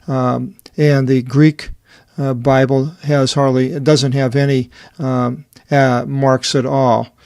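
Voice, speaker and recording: A man presenting the Bible edition he translated, talking through its pages off the cuff with many pauses and restarts. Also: medium pitch, level tone, a little mellow, dry recording, clean studio sound. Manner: halting, many fillers and restarts. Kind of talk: unscripted screen walkthrough.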